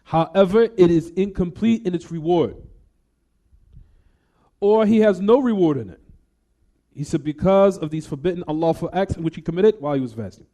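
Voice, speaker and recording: This religious lesson comes from a man whose high-pitched, mellow voice moves at a moderate pace and stops often. As an Islamic teacher, he reads a passage and then explains it, switching between English and recited Arabic. He keeps asking the class rhetorical "what?" questions.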